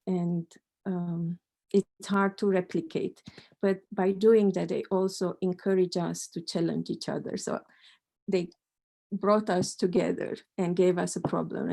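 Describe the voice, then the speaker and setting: This middle-aged Romanian mathematics professor speaks in a fairly low, level, mellow voice with some creak, at a measured pace. On a panel, she answers questions thoughtfully but hesitantly, restarting often.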